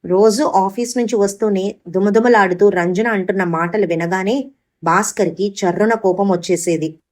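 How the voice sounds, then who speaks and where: A woman narrating an audio story in an expressive storytelling manner. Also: medium pitch, normal speed.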